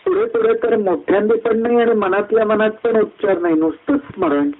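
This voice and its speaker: A man giving a devotional discourse at a satsang, climbing high through lists of words and slowing down on key phrases. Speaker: satsang speaker. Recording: tinny phone-like line.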